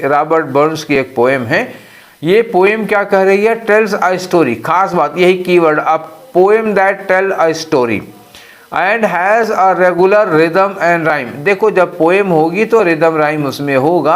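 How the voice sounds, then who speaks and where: A man teaching English for an exam, explaining in a mix of Hindi and English and asking and answering his own questions. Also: fairly high pitch. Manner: slows way down to read out English phrases. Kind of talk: exam-prep lesson.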